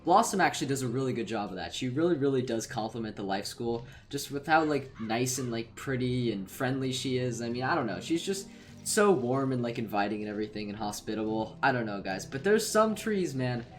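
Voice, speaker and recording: A man's voice: mid-range voice, expressive, fairly quick. Rambling, swearing young-sounding man. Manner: rambling, filler-heavy, profane and playful. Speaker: gaming YouTuber. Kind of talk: casual ranking commentary.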